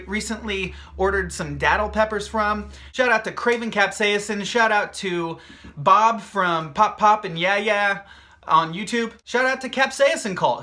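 Bright-voiced upbeat man hosting a vlog. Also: sits high. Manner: upbeat, jokey and rambling, with many fillers. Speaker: hot sauce maker and video host. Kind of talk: casual chatty vlog.

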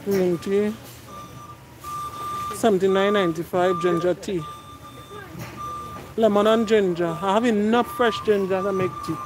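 A middle-aged vlogger's phone captures her casual shop-with-me chat as she wheels a cart through a big indoor warehouse store, reading prices to her viewers. She talks at a measured pace with long pauses, in a medium-pitched voice with fairly even intonation, on a low-quality recording.

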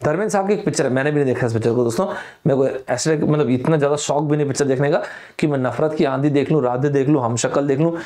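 A man's voice: mid-range voice, fast, mellow. A young man from India teaching vocabulary online, playful, acting out both himself and his students and quoting film lines. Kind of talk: lively Hindi vocabulary lesson.

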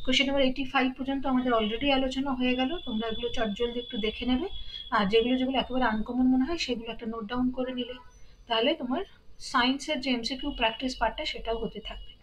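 A woman's voice: high voice, fairly even intonation, muffled recording, slight background noise. Woman teacher with a Bengali accent. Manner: reads English questions slowly, then explains briskly. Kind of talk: exam-prep lesson.

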